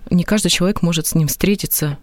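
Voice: medium pitch, quick pace, no echo. A host putting long, formally phrased questions to a guest.

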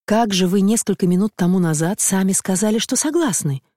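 A woman voicing a polite, formal young gentleman who comes to ask for a bride's hand. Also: medium pitch, fairly quick, dry recording, clean studio sound, lightly acted. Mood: impatient. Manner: formal, courteous. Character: polite young gentleman suitor, growing impatient.

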